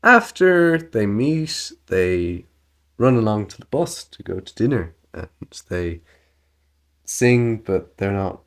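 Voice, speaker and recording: Animated man chatting on a podcast. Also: slow pace. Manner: animated, laughs often, slips into silly falsetto voices when quoting. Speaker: podcast co-host. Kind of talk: casual chat.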